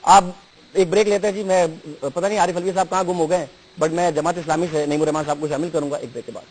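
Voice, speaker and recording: A man's voice: fairly high pitch, fairly even intonation, slight background noise, low-quality recording. A man hosting a news talk show, pressing his guest and repeating his questions politely.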